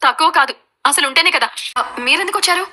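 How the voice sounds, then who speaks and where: Defiant young daughter-in-law. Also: female voice, high voice, sharp tone. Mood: pleading. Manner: quick, defiant. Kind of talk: TV serial acting.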